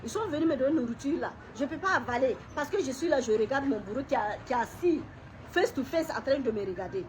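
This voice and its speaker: A middle-aged woman gives an emotional personal testimony to camera. She talks haltingly, often repeating words, pausing and clearing her throat. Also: sits high, expressive, a little hiss or hum. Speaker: woman sharing a personal story.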